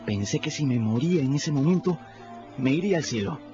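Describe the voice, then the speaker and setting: A man takes on a boy's first-person voice as narrator of a radio drama, brisk and lively in intonation. He's earnest and reflective, and his pitch lifts in moving moments. The recording is muffled radio audio with music.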